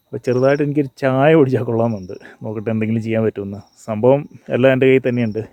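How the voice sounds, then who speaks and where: This male travel vlogger talks very fast in a mellow, mid-range voice with fairly even intonation, and the recording is dry. Outdoors at a hilltop viewpoint before and at dawn, he casually describes what he's doing in Malayalam, dropping in English words.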